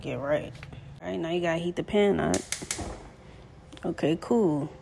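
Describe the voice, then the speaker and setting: Laid-back low-voiced young woman. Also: a little slow, gravelly, dark tone, a little hiss or hum. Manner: laid-back, slangy, rambling. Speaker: vlogger. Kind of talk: casual chat while cooking. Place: home kitchen.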